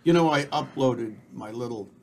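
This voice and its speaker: A middle-aged man talks casually as a podcast co-host, rambling and sure of his opinions. His voice sits at a middle pitch. A faint hiss runs underneath. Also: moderate pace, creaky. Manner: rambling, opinionated, self-assured. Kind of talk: casual chat.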